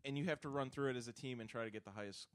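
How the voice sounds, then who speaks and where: A man's voice: mid-range voice, rapid-fire, clean tone. A young man co-hosting a gaming podcast, easygoing and agreeable as he explains game modes. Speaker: podcast co-host. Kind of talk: casual gaming chat.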